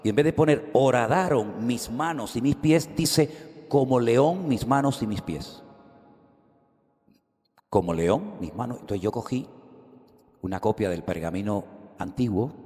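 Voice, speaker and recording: Male preacher, lowish voice, storytelling sermon, long hall echo. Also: lively intonation, unhurried, long pauses. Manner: storytelling, acts out dialogue with shifts in pitch and loudness. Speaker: pastor.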